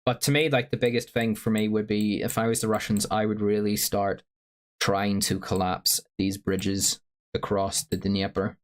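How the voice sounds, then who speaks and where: A man's voice: lowish voice, level tone, moderate pace. A man with a sore throat, livestreaming casual commentary and reading out viewer chat in a rambling, filler-heavy way. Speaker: stream host.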